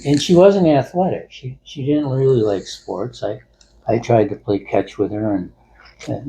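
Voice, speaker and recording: An older man with a relaxed, mellow voice chats in casual banter with his partner. He talks haltingly, repeating words and leaning on some of them. There is clear background noise around him. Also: mid-range voice, rough recording. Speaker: co-host in a couple's discussion. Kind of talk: casual elderly couple banter. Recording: noticeable background room noise.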